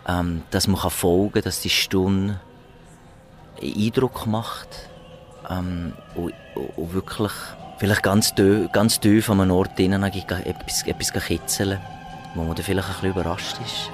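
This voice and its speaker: With music playing behind him, a Swiss German-accented arranger and saxophonist gives a radio interview at a measured pace in a low, steady voice. He is thoughtful and hesitant, often using fillers and restarting.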